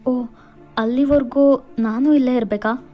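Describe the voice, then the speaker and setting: A woman's voice: high-pitched, steady tone, measured pace, dark tone, soft background music. A woman voicing a young female college student who is anxious and apologetic, pleading and stammering in a fan-fiction voice-over. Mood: flustered.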